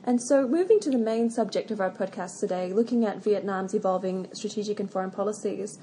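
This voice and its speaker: Female podcast host with a mellow voice, formal, measured delivery of prepared questions. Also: mid-range voice. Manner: measured and formal, with occasional ums.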